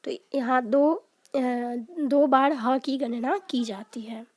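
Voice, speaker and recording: A woman's voice: high-pitched, takes it slowly, a little mellow, slight background noise. A woman teaching a lesson on quiz questions, explaining each answer step by step and often checking in with her students. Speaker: Sanskrit teacher.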